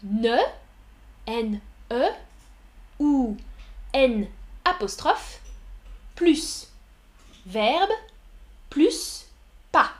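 A woman from France teaching French in a live online lesson, repeating words one by one and replying to viewers' chat. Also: sits high. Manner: slow, deliberate, repeats single words for learners; reads and answers viewers' chat messages.

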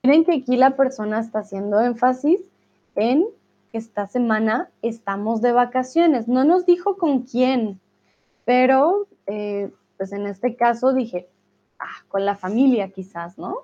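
Woman teaching on a stream, talks real slow and patient, kinda muffled lo-fi sound. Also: a little high, mellow. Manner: patient, explains slowly, chats with viewers. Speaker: Spanish teacher. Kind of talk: live-streamed lesson reading chat. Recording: dull lo-fi stream audio.

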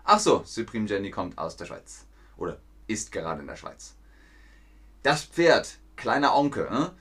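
A man teaching German on a live stream, telling a simple story clearly for learners, asking viewers questions and reading out the chat. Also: lowish voice, big pitch swings, measured pace, a bit bright.

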